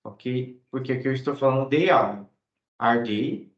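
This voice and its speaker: A man's voice: medium pitch, reverberant, lo-fi sound. A Brazilian man with a Brazilian Portuguese accent teaches an English lesson, explaining step by step and checking with short tag words. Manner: acts out short example dialogues, reading English phrases slowly.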